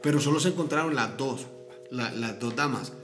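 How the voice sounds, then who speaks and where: A man's voice: mid-range voice, normal speed, a bit bright. A man, co-hosting a podcast and telling anecdotes in casual chat, laughing often. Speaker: podcast co-host. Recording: echoey room with faint music.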